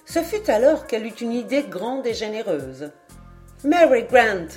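Brief: woman audiobook narrator, mellow and dark, faint music behind. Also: a little high, very animated, normal speed. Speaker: audiobook reader. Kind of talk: literary narration.

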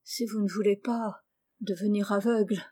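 A woman's voice: mid-range voice, fairly even intonation, normal speed, dark tone, husky, close to an everyday voice. A woman voicing Rose, a caring teenage girl who pleads with her cousin in an emotional, motherly way, in a storybook reading. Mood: pleading tender.

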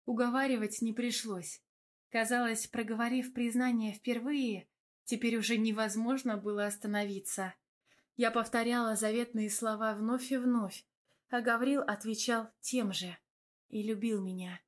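A woman narrating a first-person romance novel in a smooth, even storytelling voice. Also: on the high side, moderate pace. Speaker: audiobook narrator.

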